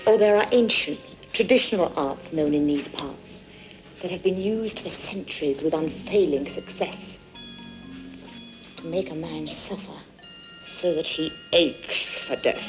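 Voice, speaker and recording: A cold, commanding villainess speaks low and measured, threatening slow suffering. This is 1960s film acting on a dull, lo-fi old soundtrack with faint music behind. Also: female voice. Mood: menacing. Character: cruel, commanding woman villain plotting world domination.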